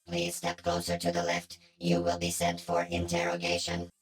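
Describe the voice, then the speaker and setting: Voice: low-pitched, monotone, moderate pace, echoey room, natural voice. An actor voicing a stern android security guard who gives formal, clipped commands.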